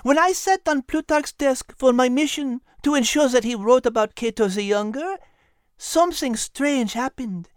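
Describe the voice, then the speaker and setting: A man reading a storybook, voicing a clever female animal with a French accent, eager and quick to connect clues. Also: very high-pitched, no echo, studio quality, pitched above the performer's own voice. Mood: excited. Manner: marveling, quick to piece things together. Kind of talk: storybook character voice.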